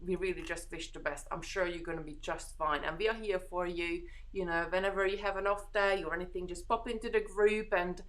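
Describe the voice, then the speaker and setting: Speaking a little fast with hardly any pauses, this Hungarian-accented woman has a lowish, steady, fairly bright voice. She hosts a casual beading live stream from home, reading comments aloud and answering reassuringly while rambling, restarting and using plenty of fillers.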